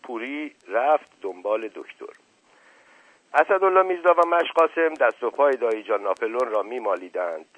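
Husky man reading a novel on radio. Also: medium pitch, no room sound. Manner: lively dramatic narration. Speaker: radio book reader. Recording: muffled phone-like radio sound.

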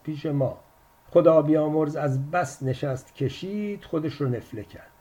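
A man voicing a tired, trembling old uncle with a thick Turkish accent, pleading slowly on the phone in an audiobook story. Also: mid-range voice, warm tone, natural voice. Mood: distressed. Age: older. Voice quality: trembling, shaky. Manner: pleading, slow and wordy.

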